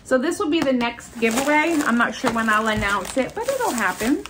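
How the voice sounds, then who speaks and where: Big pitch swings mark this woman's voice, which is a little high and moderately paced, with background noise behind it. She's a middle-aged American haul video host with a stuffy, congested voice, enthusiastically and casually showing her shopping finds in a furnished room at home.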